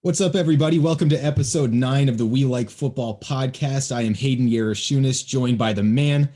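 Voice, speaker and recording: A man's voice: medium pitch, fairly quick, dark tone. A young man hosting a casual football podcast from home, chatty and joking, on a podcast microphone. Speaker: podcast host. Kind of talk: casual sports podcast chat. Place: home, near Baltimore.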